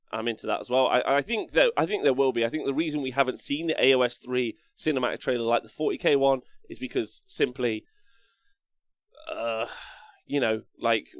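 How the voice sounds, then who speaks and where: A man hosting a casual livestream, rambling as he reads out and answers chat messages in an animated way. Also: mid-range voice, vocal fry, no echo, studio quality. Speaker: streamer host reading and answering live chat. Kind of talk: casual livestream chat about tabletop wargaming.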